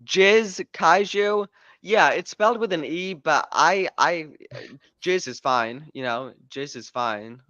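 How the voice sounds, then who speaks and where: Bright-voiced man joking on a podcast stream. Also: fairly high pitch, takes it slowly, no room sound, lo-fi sound. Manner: joking, rambling, self-interrupting. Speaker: podcast host and author. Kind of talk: casual livestream chat.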